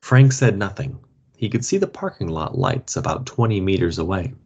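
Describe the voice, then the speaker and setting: A man reading a story aloud for learners, slow and expressive. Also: low-pitched, slightly rough. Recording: dull lo-fi podcast audio.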